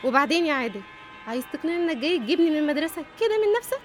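A woman's voice: sits high, big pitch swings, rapid-fire, loud music behind the voice. A woman with an Egyptian accent playing a strong-willed teenage schoolgirl in a drama, firm, sassy and emphatic. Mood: suspicious, defiant. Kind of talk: dramatic dialogue.

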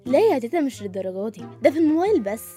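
An actress playing a coaxing young granddaughter with an Egyptian accent in a comedy sketch. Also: female voice, high voice, very animated, rapid-fire, mellow, soft background music. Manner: coaxing, teasing, patient.

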